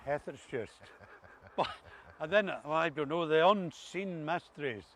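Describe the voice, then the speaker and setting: A wry man with a Northern Irish Ulster Scots accent talks in casual conversation. His voice sits slightly high, and there is a faint noise behind him. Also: unhurried, a bit bright. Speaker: conversation partner on dialect. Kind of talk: casual chat.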